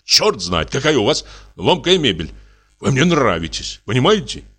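A man playing a blunt, hot-tempered middle-aged landowner, blustering and halting, as in an audiobook drama reading. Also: medium pitch, very animated, a bit bright, breathy edge. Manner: blustering, halting, self-mocking.

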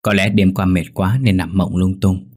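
A man narrating a ghost story in a measured, suspenseful manner. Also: low voice, fairly even intonation, a little mellow. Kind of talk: scripted horror story narration.

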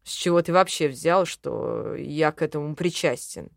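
Woman doing a low calm elf guy, dry and a bit mocking, audiobook. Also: creaky, no echo. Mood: wry. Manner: dry, measured, mildly mocking. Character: calm sardonic adult male elf. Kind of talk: audiobook character voice.

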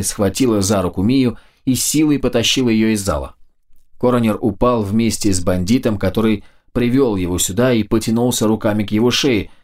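A man narrating a fantasy audiobook in a steady, measured storytelling manner. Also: fairly low pitch.

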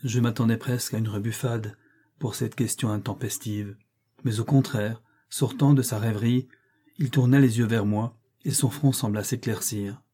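A man narrating a classic novel as an audiobook, with a measured, even reading. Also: fairly low pitch, breathy edge.

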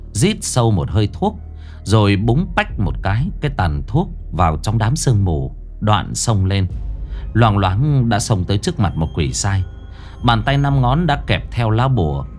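A man narrating a ghost story in an expressive storytelling manner. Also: fairly low pitch. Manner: animated, expressive.

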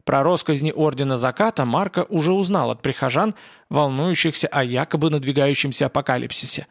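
A man narrating first-person fiction as an audiobook, in a steady, even storytelling manner. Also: fairly high pitch, a little fast, no echo, clean studio sound.

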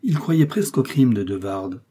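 A man narrating a novel as an audiobook in a steady, measured way. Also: mid-range voice, husky. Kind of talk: novel reading.

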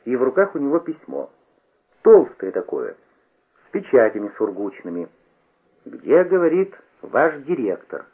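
A man voicing a self-assured, teasing teenage boy who talks fast. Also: mid-range voice, sing-song, breathy edge. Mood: eager. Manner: quick, teasing storytelling. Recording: tinny old radio broadcast.

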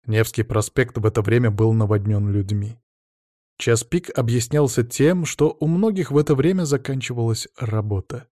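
A man narrating an audiobook in first person, in a steady, matter-of-fact way. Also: medium pitch, normal speed, no echo, clean studio sound.

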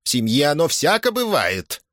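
A man voices a pious old peasant woman, wailing and imploring at normal speed. His delivery sits on the high side, pitched above his own voice, with wildly swooping pitch and a fairly bright tone, recorded with clean studio sound and no room sound.

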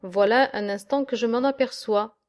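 Wary boat pilot, low and grave, woman reader. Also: moderate pace, a little mellow, close to an everyday voice. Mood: uneasy. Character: wary old male river pilot.

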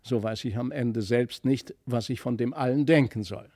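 A man's voice: mid-range voice, moderate pace, mellow, no room sound, clean studio sound, close to an everyday voice. A man voicing a puzzled nobleman father who muses hesitantly in a storybook reading.

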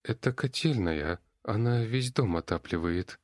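A man's voice: fairly low pitch, animated, unhurried, darkish tone, no room sound, clean studio sound, pitched above the performer's own voice. A man voicing a timid young half-elf girl. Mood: frightened. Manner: timid, pleading. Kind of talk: audiobook character voice.

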